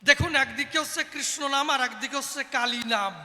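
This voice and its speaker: A man's voice: extremely high pitch, fairly quick, pushed and bright, big-room sound. A man from West Bengal performing kobi gaan, chanting and calling out to the audience in a sing-song, declaiming way. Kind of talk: sung and declaimed folk debate poetry.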